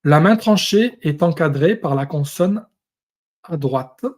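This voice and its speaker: Guy with a slightly raspy voice, fairly high, slowly walking through words in a bible lesson. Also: expressive, darkish tone. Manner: explains word by word, pausing often. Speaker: Bible teacher. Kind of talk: teaching lesson on Hebrew and Greek words.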